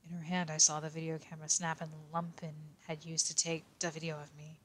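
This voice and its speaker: A woman voicing a quiet young male detective as he reads a fanfic aloud in character, tripping now and then over odd words. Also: sits low, level tone, fairly quick, slight background noise. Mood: deadpan reading.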